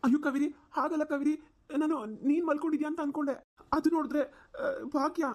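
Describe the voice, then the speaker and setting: A woman's voice: high-pitched, level tone, fast, darkish tone, no room sound, studio quality, lightly acted. A woman voicing a flustered young husband in a cartoon, pleading and exasperated. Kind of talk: cartoon voice acting.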